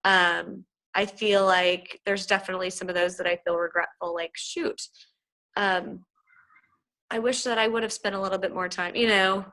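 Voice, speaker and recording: A woman's voice: medium pitch, steady tone, moderate pace, sharp tone, low-quality recording. A woman chatting as a guest on a video call, talking with lots of fillers and restarts, gushing and effusive. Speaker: featured guest answering team questions. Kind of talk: casual chat on a video call.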